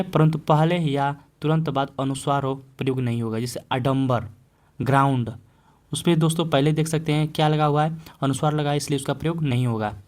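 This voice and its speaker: A male teacher leads an exam-prep Hindi grammar lesson, repeating example words slowly and asking the class questions that he answers himself. His voice is fairly high and a little mellow.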